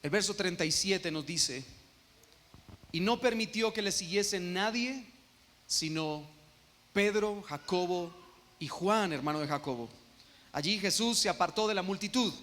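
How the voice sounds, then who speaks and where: A man with a Guatemalan Spanish accent preaching an expository sermon as pastor, emphatic and slowing down on key phrases. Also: sits high, lively intonation, a bit bright. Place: church sanctuary. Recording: long reverb of a church hall.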